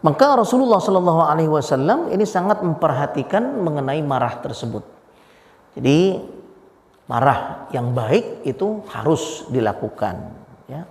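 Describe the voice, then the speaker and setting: Gravelly man teaching in an echoey mosque. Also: fairly high pitch, lively intonation, normal speed. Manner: conversational, frequent "ya" fillers, acts out quoted dialogue. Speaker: Islamic religious teacher. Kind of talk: mosque study lesson. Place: mosque hall.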